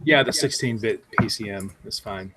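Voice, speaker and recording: A man's voice: on the low side, moderate pace, a crowd in the background. A man co-hosting a podcast in casual chat. He is laid-back and laughs easily. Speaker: podcast co-host.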